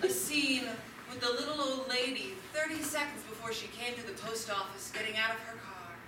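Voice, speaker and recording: A woman's voice: fairly high pitch, fairly even intonation, brisk, recorded from a distance. A woman improv performer narrating comedy scenes. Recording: noisy, very echoey room from afar.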